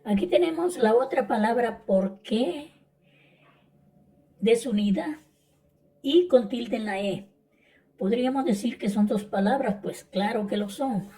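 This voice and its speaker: Slow, patient woman teaching grammar. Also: on the high side, dark tone, distant mic, poor audio. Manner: patient, repeats points, checks with "¿verdad?". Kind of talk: slow classroom explanation.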